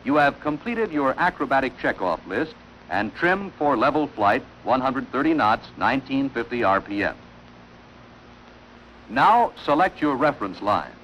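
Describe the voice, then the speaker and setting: A man narrates instructions formally and deliberately, like a wartime training film, on an old film soundtrack. His medium pitch swings widely and sounds a bit bright, and the rough recording carries a little hiss or hum.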